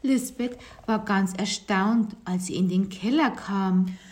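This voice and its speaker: A woman reading a children's story aloud in an expressive storytelling voice. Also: medium pitch, slow pace.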